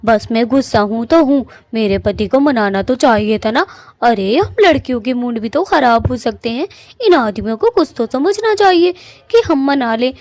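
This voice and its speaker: A woman's voice: fairly high pitch, expressive, moderate pace, a little mellow, no echo, lightly acted. A woman voicing a huffy cartoon witch wife. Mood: petulant. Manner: huffy, scolding. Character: sulking quarrelsome female witch wife. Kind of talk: cartoon voice acting.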